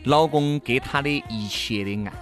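A man's voice: medium pitch, moderate pace, soft background music. A man with a Sichuanese accent co-hosting a talk show in casual, comic banter, animatedly acting out his points. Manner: animated, acts out imagined worries and quotes.

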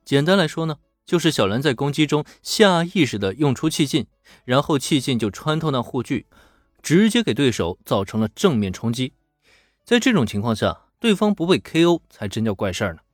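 Faint music runs behind a man narrating a serial story fairly quickly in a mid-range voice. He's chatty and animated, slipping in colloquial asides, and the studio-quality recording has no room sound.

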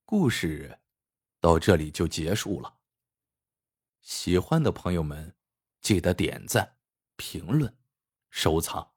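A man narrating a story in a scripted, measured way. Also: sits low, very animated, a little mellow, slightly rough. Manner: unhurried, measured.

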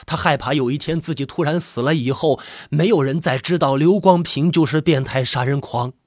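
A man with a husky voice, reading a suspense story in measured, expressive narration. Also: a little high, dry recording, studio quality.

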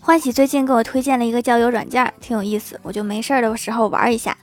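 A woman's voice: fairly high pitch, steady tone, racing. A young woman telling funny short stories in a playful, self-mocking way, with laughing asides. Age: young adult. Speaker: comedy storyteller. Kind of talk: scripted joke narration. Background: faint background music.

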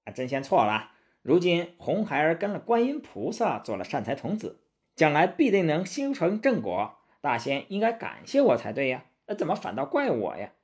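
A man voicing a cocky, quick-witted male monkey king in a storybook tale, brash and self-assured. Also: fairly high pitch, wildly swooping pitch, pitched above the performer's own voice. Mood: protesting.

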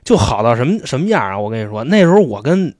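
A man's voice: mid-range voice, sing-song, quick pace, a little mellow, dry recording, clean studio sound. A man telling slangy, chatty stories as a podcast host. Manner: chatty, slangy storytelling, often asks "you know?". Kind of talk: casual storytelling chat.

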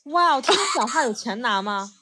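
A woman's voice: a little high, animated, a little fast, bright, forceful tone, breathy edge. A woman co-hosting a podcast, mostly reacting with short interjections and jokes. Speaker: podcast co-host. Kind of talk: casual chat.

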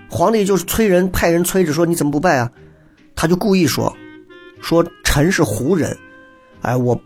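A man telling a historical story in a lively, chatty lecture style, acting out the characters' lines and turning to the audience with asides. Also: a little high, slightly rough.

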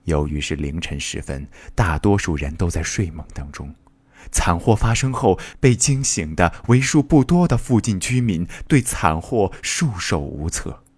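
A man's voice: low-pitched, darkish tone, dry recording. A man reading a short story aloud in an earnest, dramatic way. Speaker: reader.

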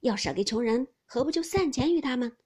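A woman voicing a flattering old male Taoist priest who speaks humbly and coaxingly. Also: sits high, normal speed, breathy edge, full character voice. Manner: humble, coaxing, smiling speech.

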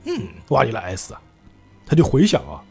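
A man's voice: medium pitch, fairly quick, creaky, slightly rough, faint music behind. A man hosting a casual podcast, retelling a comic story with laughs and acted-out quotes. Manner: animated, laughs often, acts out the quotes. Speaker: podcast host.

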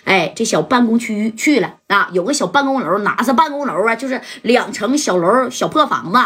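A woman with a Northeastern Mandarin accent telling a gangster story in a lively, colloquial way, with spoken sound effects. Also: fairly high pitch, fairly quick, breathy edge.

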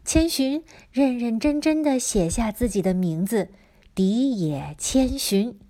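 A woman teacher telling a story to children, expressive and dropping into dramatic whispers. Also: fairly high pitch, takes it slowly.

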